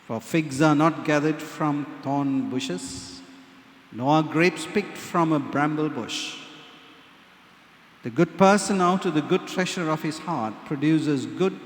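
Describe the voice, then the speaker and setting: A man, a priest reading the gospel and preaching in slow, measured, solemn phrases, his voice ringing in a cathedral echo. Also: a little high, a little hiss or hum. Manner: slow, measured, solemn delivery with emphatic pauses. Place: large church. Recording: long echoey reverb of a large church.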